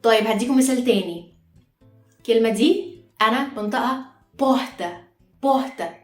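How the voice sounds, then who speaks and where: A woman's voice: on the high side, a little fast. A woman with an Egyptian Arabic accent, patiently teaching pronunciation step by step, repeating each example word aloud. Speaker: Portuguese teacher. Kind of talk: online language lesson. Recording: echoey room with faint music.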